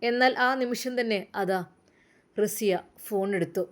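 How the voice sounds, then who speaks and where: A woman's voice: mid-range voice, a little slow. Woman storyteller, emphatic dramatic narration.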